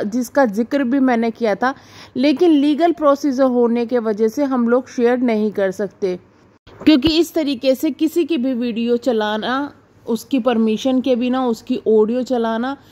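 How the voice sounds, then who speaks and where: A woman with a distinctly high voice and a somewhat dark tone hosts a reaction video. Addressing her viewers directly, she offers casual gossip commentary, walking through each point in an explanatory, questioning way.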